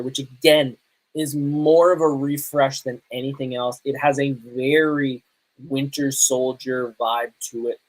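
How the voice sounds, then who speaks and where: A man in his thirties hosts a solo podcast, chatting casually about pop culture and games. His mid-range voice is conversational, enthusiastic and emphatic, and the recording is rough.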